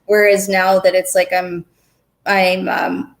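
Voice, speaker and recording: A woman's voice: lowish voice, completely flat delivery, takes it slowly, creaky. A woman in her forties, a podcast guest speaking candidly and personally, often restarting her sentences. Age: 40s. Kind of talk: casual conversation.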